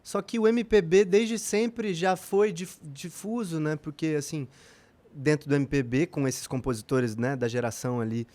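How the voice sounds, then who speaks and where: A man's voice: a little high, normal speed, a little mellow. A man with a Brazilian Portuguese accent, a musician guest talking in a casual podcast interview, reflective and rambling with many fillers.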